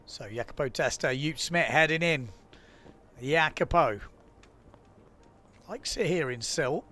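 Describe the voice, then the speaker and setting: Man, live sports commentator, excitable, chatty, slightly high-pitched. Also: slow. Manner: excitable, chatty, lots of fillers. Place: commentary studio.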